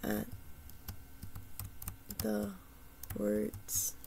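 Soft, creaky-voiced woman musing aloud. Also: medium pitch, monotone, extremely slow, noisy background. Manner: soft-spoken, often dropping to a whisper; hesitant, with many fillers and repeated starts. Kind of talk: casual chat about a poem and its translation.

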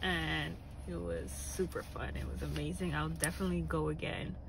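A woman's voice: low voice, fairly even intonation, moderate pace, vocal fry, noisy background. A young woman chatting casually to the camera as a vlogger, sitting inside a car. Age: young adult.

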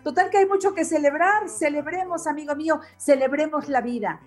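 A woman's voice: high voice, fairly quick, soft background music. A woman with a Mexican accent hosting a radio interview, effusive and affectionate, full of exclamations. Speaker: radio show host.

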